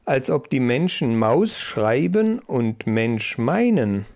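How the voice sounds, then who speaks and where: A man's voice: mid-range voice, very animated, takes it slowly, darkish tone. A man voicing a clever, thoughtful female mouse who reads and tells stories.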